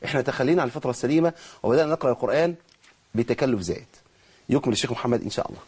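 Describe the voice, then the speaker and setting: A man with an Egyptian accent teaching Quran recitation rules, explaining quickly and slowing down to model drawn-out words. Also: medium pitch, a little mellow, breathy edge. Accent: Egyptian Arabic. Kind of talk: tajweed lesson, explaining and demonstrating.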